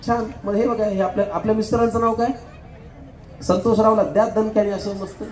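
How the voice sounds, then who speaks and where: A man hosting a live stage game, joking with contestants and counting aloud quickly. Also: high voice, steady tone, darkish tone. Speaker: game show host. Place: event hall stage. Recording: echoey hall, faint crowd murmur.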